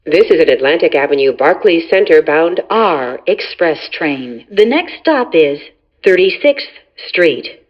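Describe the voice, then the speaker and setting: A woman's voice: sits low, big pitch swings, unhurried, muffled recording. A woman announcing train stops in prerecorded words spliced together, with abrupt jumps between the joined phrases. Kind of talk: recorded transit announcements.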